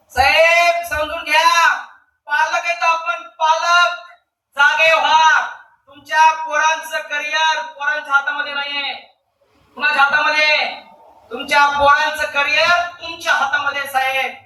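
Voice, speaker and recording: A man giving a rousing motivational training talk to an audience, firing questions at the crowd and demanding louder answers. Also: very high voice, far from the mic, slight background noise. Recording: echoey hall, speaker off the mic.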